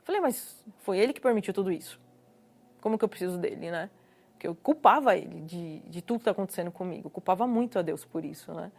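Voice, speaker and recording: A woman's voice: fairly low pitch, expressive, fast, darkish tone. A woman from Brazil with a Brazilian Portuguese accent, telling her personal testimony earnestly and repeating words for emphasis. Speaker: guest giving a personal testimony.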